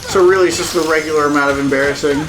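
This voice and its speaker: A man's voice: fairly high pitch, steady tone, racing. A man co-hosting a let's play, joking dryly and sarcastically in casual chat. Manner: dry, sarcastic humor, swears. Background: faint game music.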